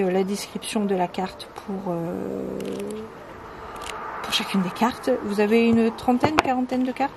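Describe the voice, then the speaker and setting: Chatty woman with lots of hesitations. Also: mid-range voice. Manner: hesitant, many fillers and restarts; reads card texts in a soft, calm tone. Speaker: channel host presenting oracle cards. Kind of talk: casual chat. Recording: home video with clear background noise.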